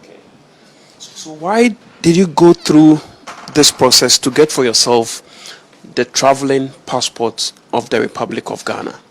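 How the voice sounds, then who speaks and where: A man with a medium-pitched, slightly bright voice speaks at an unhurried pace. He's a news reporter grilling a suspect in a confrontational interview, firing pointed, insistent questions.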